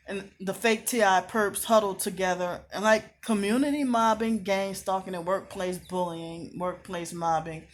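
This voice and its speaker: A woman talking casually to camera from a hotel room, aggrieved and repetitive, often clearing her throat, sounding tired. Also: medium pitch. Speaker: vlogger.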